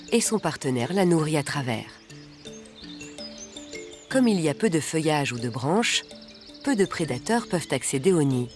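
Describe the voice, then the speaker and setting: A narrator reading a scripted nature documentary in a measured, articulate way. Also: mid-range voice. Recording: background music under the voice. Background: music.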